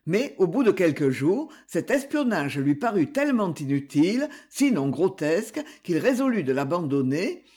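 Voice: mid-range voice, husky. A narrator reading a classic novel aloud as an audiobook. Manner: slow, expressive literary reading.

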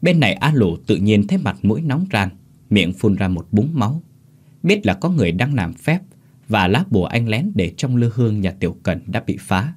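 Brief: male storyteller, low, husky, animated pitch, steady scripted narration. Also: normal speed.

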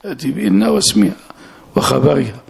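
Man, mosque sheikh, gravelly voice, slightly high, explanatory lesson commentary. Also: sing-song, fast, a little mellow. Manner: explains phrase by phrase, often interjects "na'am". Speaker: sheikh teaching a fiqh text. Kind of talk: classical Arabic lesson commentary.

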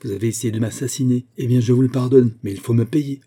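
A man reading a storybook voices a suave, ironic gentleman thief who is coolly polite and menacing. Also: mid-range voice, fairly even intonation, fast talker, husky, close to an everyday voice. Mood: ironic menace.

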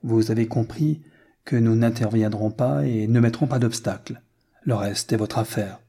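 A man's voice: medium pitch, normal speed, gravelly, warm tone, breathy edge. A man reading the lines of a proud, cold old aristocratic marquise in a haughty, formal way.

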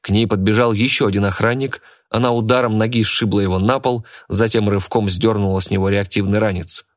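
A man narrating an adventure audiobook in a steady, expressive reading. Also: fairly low pitch, brisk, dry recording, studio quality.

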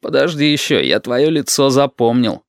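A man's voice: mid-range voice, animated, normal speed, dry recording, clean studio sound, close to an everyday voice. A man voicing a young street thug who bullies and mutters sullenly. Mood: surly. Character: young male street thug, surly and bullying.

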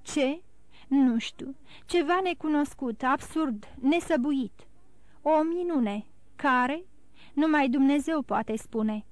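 A woman's voice: high voice, no echo, lightly acted. A woman reading a despairing young man. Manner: gentle and bitter, earnest. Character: despairing young man, gentle yet resolute. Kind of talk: audiobook reading.

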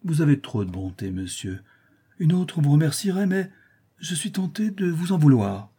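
A man's voice: a little high, very animated, dark tone, husky, exaggerated voice. A man voicing a witty young man disguised as a noble young lady, speaking with cool irony. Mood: ironic. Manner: cool, ironic, measured.

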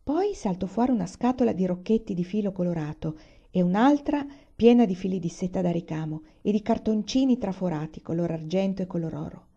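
A woman reads a novel aloud with expressive storytelling. Her voice is dark and mellow at a middle pitch. The recording is dull and lo-fi. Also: brisk, creaky. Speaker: reader. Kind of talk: audiobook reading.

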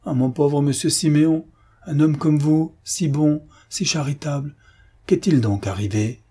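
A fussing, devoted concierge who cries out in alarm over his friend, put on by a man lifting his husky voice higher. The tone stays dark and breathy beneath the worry. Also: expressive, normal speed. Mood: fretful. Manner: anxious exclamations, higher pitched. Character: fretful, devoted old male concierge.

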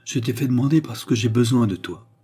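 A man's voice: medium pitch, a little fast, mellow, breathy edge. A man voicing an earnest, resolute nobleman who exhorts his brother, in an audiobook reading.

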